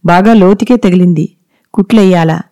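Lady reading as a village doctor with a telangana accent, matter-of-fact, low and soft. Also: normal speed, no echo, studio quality, close to an everyday voice. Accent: Telangana Telugu.

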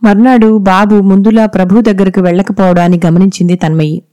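Woman reading a story out loud, low dark voice, super dry close mic. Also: fairly even intonation, fairly quick, no room sound. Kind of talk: scripted story narration.

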